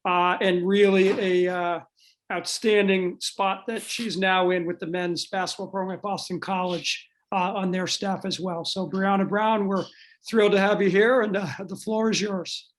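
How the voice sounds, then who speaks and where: A man's voice: high voice, fairly even intonation, moderate pace, slight background noise. A man hosting an online school panel, introducing guests enthusiastically with frequent "uh"s. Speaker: dean of athletics, event host.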